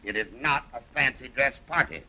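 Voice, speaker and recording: A man's voice: mid-range voice, normal speed, sharp tone, poor audio. An actor playing a boisterous, showman-like American millionaire in a 1930s film. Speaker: American millionaire castle owner. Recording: old film soundtrack with music.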